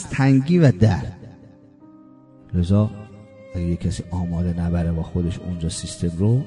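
Male preacher, sermon delivery, dark mellow tone, rhetorical and dynamic, faint music bed. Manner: rhetorical questions, swings from loud emphasis to low hushed asides. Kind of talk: religious sermon.

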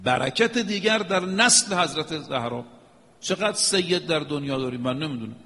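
A man's voice: on the high side, expressive, bright, forceful tone. Male preacher with a slightly raised voice, emphatic and rhythmic, in a long-echo hall. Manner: emphatic, rhythmic, chants Arabic phrases. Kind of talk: religious sermon.

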